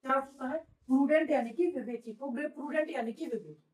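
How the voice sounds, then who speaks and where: A woman's voice: high-pitched, normal speed, a little mellow, far from the mic, slight background noise. A woman teaching vocabulary to a class, repeating words as drills and asking rhetorical questions. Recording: echoey room, voice off-mic.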